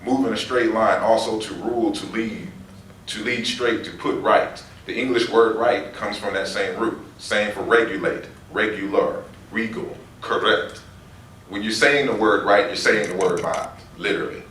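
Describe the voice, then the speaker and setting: A man lectures in a low voice, working through long lists of words one at a time. He is heard from some distance in a roomy, echoing space. A faint hiss sits under the recording. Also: moderate pace, fairly bright tone. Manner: explains by reading out word lists. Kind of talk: lecture on word roots. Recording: roomy echo from far off, faint noise.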